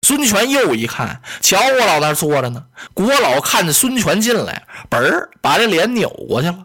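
A man's voice: sits high, moderate pace, breathy edge. A male storyteller, narrating a historical tale in a vivid, rhythmic traditional style. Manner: vivid, animated, rhythmic delivery.

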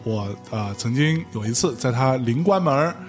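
Lively, teasing male host, Northeastern-tinged Mandarin. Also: mid-range voice, normal speed, soft background music. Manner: teasing, bantering. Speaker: podcast host. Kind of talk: casual chat, interviewing.

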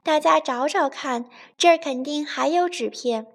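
A woman's voice: sits high, moderate pace, pitched above the performer's own voice. A woman voicing an old grey male rabbit who leads the village, speaking steadily and reassuringly in a children's storybook.

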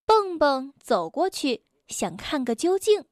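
A woman telling a story to children in a gentle, clear way, calling herself a big sister. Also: sits high, sing-song, slow, no room sound, clean studio sound.

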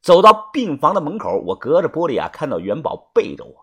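A man reads a story in the first person, with a husky voice. His tone swings widely from hushed to loud, and he drags out filler particles for drama. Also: fairly high pitch, wildly swooping pitch, fairly quick. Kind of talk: first-person audiobook narration.

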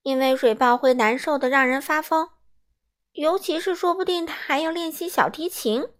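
A proud, fussy little storybook girl who complains in a high, loud voice, as a woman reads her. She sounds spoiled and sure of herself. The pitch sits well above an ordinary woman's speaking voice. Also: normal speed, close to an everyday voice. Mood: haughty. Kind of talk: children's storybook reading.

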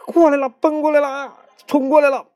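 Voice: high voice, level tone, a little fast, a little mellow, soft background music, natural voice. A performer voicing a jittery, easily frightened young male disciple in a comedy skit, with a stammering, whiny way of talking. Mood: panicky.

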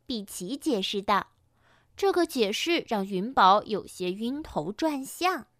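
Woman storyteller, high bright voice, lively, dry close sound. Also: takes it slowly, no echo. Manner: lively, acts out characters. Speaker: storyteller teacher. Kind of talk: children's story narration.

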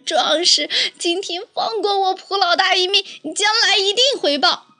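A woman's voice: very high voice, moderate pace, bright, forceful tone, soft background music, voice pushed up. A woman voicing a sly, sneering male rat gang boss in a storybook. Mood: pleading.

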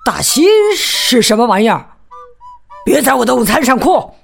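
Storybook elephant bully, loud and rough, read by a woman, high swooping voice, gravelly edge, soft music behind. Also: lively intonation, normal speed. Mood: rude. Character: rude hungry male elephant, loud and pushy.

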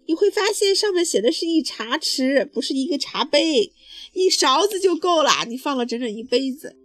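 A patient mother bear , as a woman reader puts her on, sets firm rules in a bright, fairly high voice. Her tone is gently scolding, over faint music. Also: level tone, fast talker, no room sound.

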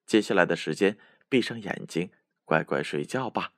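A low-voiced man tells a bedtime story to children. He speaks slowly and soothingly, his pitch lilting up and down. The sound is close and dry. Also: animated, dry recording.

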